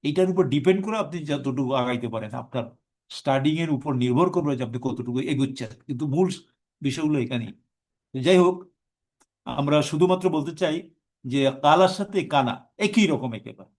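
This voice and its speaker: Male teacher with a fairly high voice, patient lecture style, lists verb forms aloud. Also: expressive, moderate pace, darkish tone. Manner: explains step by step, chants verb forms in lists. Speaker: Quranic Arabic teacher. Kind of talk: live class lecture.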